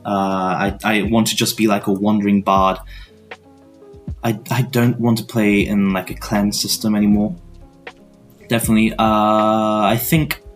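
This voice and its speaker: A young man with a fairly low voice talks quietly and sleepily, as if he just rolled out of bed. He rambles through a casual podcast monologue, tripping over repeated words and dropping the odd swear, with faint music behind him. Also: flat delivery, unhurried. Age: young adult. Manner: rambling, stuttering restarts, swearing; quiet morning voice. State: just woke up. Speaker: podcast host. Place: college dorm room.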